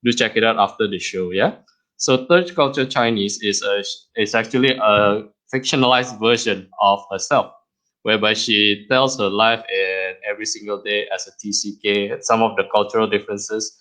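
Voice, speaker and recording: A man hosting and interviewing a guest on his own podcast, chatty and quick to laugh. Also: fairly low pitch, fairly even intonation, bright, forceful tone, rough recording. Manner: friendly, chatty, laughs easily. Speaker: podcast host and creator. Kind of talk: casual interview chat.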